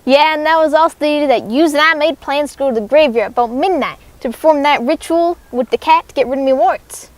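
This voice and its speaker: A young woman voicing Huckleberry Finn, a rough, swaggering village boy with folksy grammar, in a school character play. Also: high voice, a little fast, hardly any pauses, natural voice.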